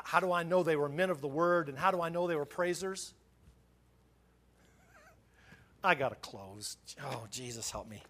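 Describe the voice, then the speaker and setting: A man's voice: high voice, a bit bright. A middle-aged man preaching a sermon as pastor, impassioned, often repeating words and restarting his phrases.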